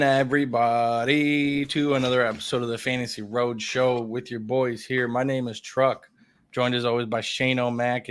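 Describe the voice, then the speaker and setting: A man's voice: mid-range voice, a bit bright. A man hosting a casual sports podcast, upbeat and chatty, laughing easily with his co-host.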